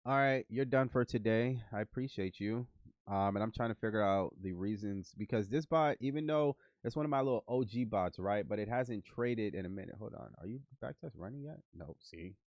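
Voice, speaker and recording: Nasal as he gets over the flu, a man streams live while coding trading bots, muttering to himself and to them in a casual session. His voice is fairly low and brisk, with no echo and the highs cut off.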